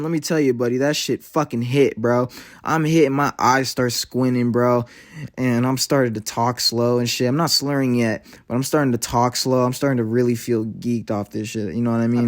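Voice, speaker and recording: A man's voice: mid-range voice, darkish tone. Laid-back young man telling a story. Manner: laid-back slangy rambling with many fillers. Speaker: vlogger. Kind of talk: casual storytime.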